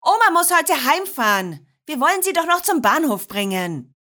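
A woman voicing a cheerful mother who calls her children awake in a brisk way. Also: high-pitched, big pitch swings, bright, forceful tone, voice pushed up, exaggerated voice.

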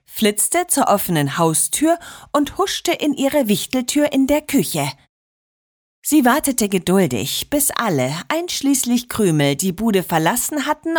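Lively, slow-reading woman storyteller. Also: medium pitch. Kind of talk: children's story narration.

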